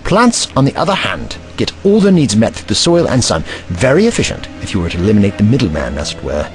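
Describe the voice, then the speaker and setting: A man's voice: lowish voice, sing-song, fast talker. A man playing the Doctor as an eccentric, learned and protective time traveller, lecturing in precise, old-fashioned wording in a science fiction audio drama.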